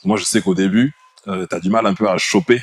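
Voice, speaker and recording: A man with a baritone voice co-hosting a podcast in casual, informal chat. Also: brisk, dry recording. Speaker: podcast co-host.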